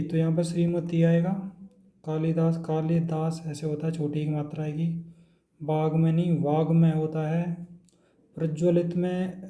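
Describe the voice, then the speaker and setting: A man teaching an exam-prep lesson, going through words one by one in a steady drilling way. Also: a little high, roomy sound.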